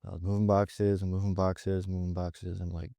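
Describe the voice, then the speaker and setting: A young man talks in a relaxed, open way on a podcast. His voice is lowish, mellow and smooth, recorded close and dry. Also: normal speed, no echo. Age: young adult. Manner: relaxed and candid, with many likes and restarts. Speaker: podcast co-host and Navy recruit. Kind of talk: casual reflective chat.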